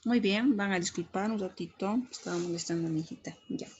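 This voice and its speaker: A woman's voice: medium pitch, fairly quick, a little mellow, breathy edge, highs cut off. A middle-aged woman giving an English grammar lesson, explaining patiently and checking in with frequent tag questions. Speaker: English teacher.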